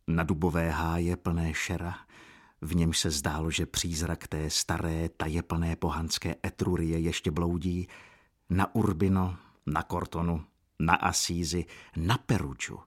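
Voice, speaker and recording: Male audiobook narrator, husky, low-pitched, measured delivery. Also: little pitch movement. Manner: measured, unhurried storytelling.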